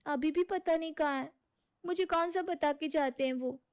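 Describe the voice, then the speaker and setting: A woman's voice: high voice, moderate pace. A woman voicing a scheming, manipulative young wife who sweet-talks her in-laws in a cartoon story. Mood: sweet-talking. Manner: sugary, scheming.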